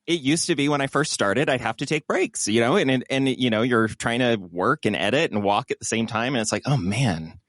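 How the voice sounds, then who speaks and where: A man's voice: mid-range voice, a little fast, few pauses, a bit bright, no echo, studio quality. A man co-hosting a podcast, chatting casually in a rambling, self-mocking way with lots of fillers. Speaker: podcast co-host. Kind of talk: casual chat.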